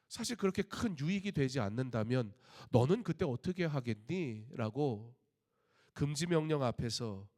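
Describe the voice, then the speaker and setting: Earnest middle-aged Korean pastor preaching. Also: male voice, medium pitch, darkish tone. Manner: earnest preaching with rhetorical questions and personal stories. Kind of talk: sermon at a Friday prayer meeting.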